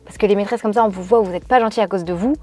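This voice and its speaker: A woman vlogger chatting casually, reading out viewers' stories and reacting to each one in an animated way. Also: mid-range voice, racing, faint music behind.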